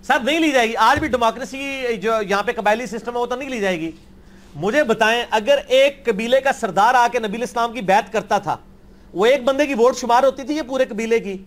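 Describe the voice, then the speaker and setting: Blunt, argumentative man with high voice. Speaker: religious scholar answering questions. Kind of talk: question-and-answer session.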